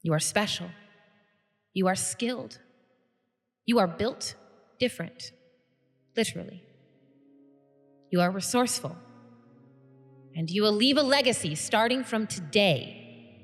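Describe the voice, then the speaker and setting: A woman's voice: mid-range voice, animated, unhurried, pauses often, pitched above the performer's own voice. A woman voicing a grand female guild leader who gives a ceremonious, commanding speech in a tabletop game. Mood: stately. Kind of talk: tabletop game role-play. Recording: long reverb, faint music behind.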